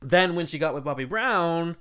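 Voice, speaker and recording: A young man in his twenties co-hosting a podcast, sassy and animated, full of slang and laughter. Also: a little high, normal speed, clear, resonant tone. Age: 20s. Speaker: podcast co-host. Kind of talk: casual chat.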